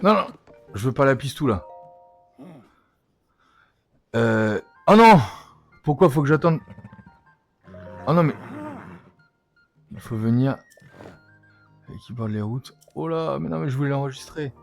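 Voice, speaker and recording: Male let's-play streamer, excitable, coaxes the game aloud as he plays. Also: medium pitch, measured pace, vocal fry, pauses often, soft background music. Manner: excitable, coaxing, talks to the game. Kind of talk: live gameplay commentary.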